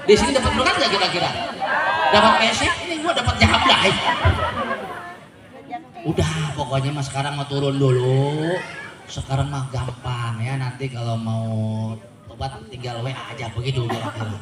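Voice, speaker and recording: Joking preacher in an echoey hall. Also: male voice, medium pitch, moderate pace, very noisy. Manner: joking, quizzes the audience. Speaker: Islamic preacher. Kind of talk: humorous sermon. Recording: echoey hall with loud crowd.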